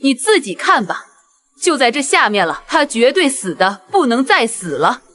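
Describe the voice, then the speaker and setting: Woman as high-voiced, sly cartoon she-bear. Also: big pitch swings, moderate pace, a bit bright. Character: sly, menacing female bear with human cunning. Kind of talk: fan game-animation dub.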